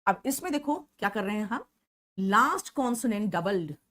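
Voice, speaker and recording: A woman's voice: mid-range voice, lively intonation, moderate pace, a bit bright. A woman teacher with a Hindi accent gives an online English lesson, explaining each rule step by step and calling on students by name.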